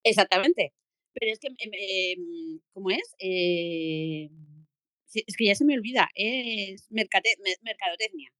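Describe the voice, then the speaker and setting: A woman's voice: medium pitch, expressive, measured pace, fairly bright tone, dry recording. A woman from Spain telling anecdotes in a casual online group chat, laughing often and acting out the dialogue. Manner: laughing storyteller, acts out dialogue. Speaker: guest. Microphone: online audio room.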